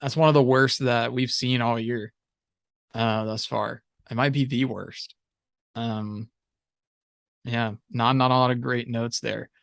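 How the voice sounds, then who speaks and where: A man's voice: mid-range voice, fairly even intonation, a little slow, vocal fry, pauses often, a bit bright, no room sound, studio quality. A young man co-hosting a football podcast, talking casually and sarcastically with lots of fillers. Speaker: podcast co-host.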